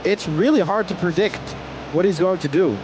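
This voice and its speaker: A man's voice: high voice, moderate pace, highs cut off. A man giving conversational, analytical fight commentary as a sports commentator. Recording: noisy live event background.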